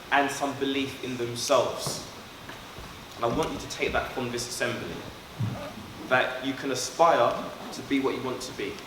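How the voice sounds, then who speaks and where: A man from London, born in Trinidad, leading a school assembly and speaking earnestly and directly to pupils. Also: medium pitch. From born in Trinidad, raised in London. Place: school hall. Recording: echoey hall, far from mic, background noise.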